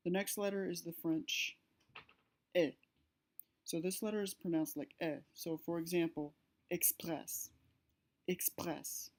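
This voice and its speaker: A woman's voice: lowish voice, a little mellow. A woman narrating a slide-based language lesson, explaining step by step with fillers and self-corrections. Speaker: language teacher.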